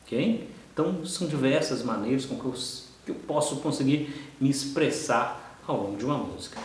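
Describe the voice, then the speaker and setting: A man's voice: mid-range voice, expressive, moderate pace, soft background music. Brazilian guy teaching a course, keeps asking ok? tá?, sounds far off the mic in a big echoey room. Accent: Brazilian Portuguese. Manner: explanatory, frequent "tá?" and "ok?" checks. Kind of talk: online course lecture.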